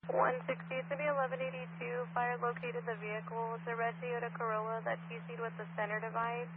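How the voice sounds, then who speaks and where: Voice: mid-range voice, level tone, quick pace. A police dispatcher reading out calls and codes over a radio channel in a terse, businesslike way. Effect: police radio transmission. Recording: tinny radio channel with loud static.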